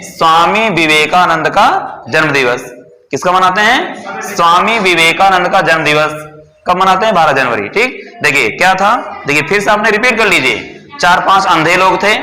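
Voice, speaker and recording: High, bright-voiced male teacher. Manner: repetitive, checks with "ठीक है" constantly; asks and answers own questions. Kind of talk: exam-prep lesson with memory story. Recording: roomy hall reverb.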